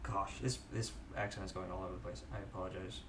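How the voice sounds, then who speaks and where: A man narrating as game master of a tabletop game, halting, with frequent restarts and easy chuckles. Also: low voice, noisy background. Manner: halting, many fillers and restarts, relaxed chuckles.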